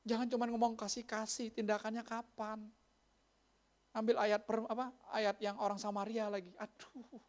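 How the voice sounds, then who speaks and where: Animated male pastor, slang. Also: high voice, normal speed. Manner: animated, playful storytelling with voiced impressions. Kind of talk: sermon.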